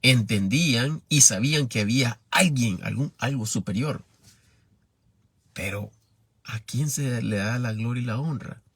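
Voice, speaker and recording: A man with a Nicaraguan accent preaching a Bible teaching sermon, measured and often asking the listeners for agreement. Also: on the low side, vocal fry, slightly rough, dry recording. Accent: Nicaraguan Spanish.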